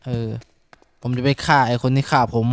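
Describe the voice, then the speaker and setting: A young man giving casual, rough-spoken commentary while playing a game, swearing a lot and yelping when startled. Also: mid-range voice, level tone, moderate pace, no room sound. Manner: swears freely, shouts in sudden panic. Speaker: gaming streamer. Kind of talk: casual Minecraft let's-play commentary.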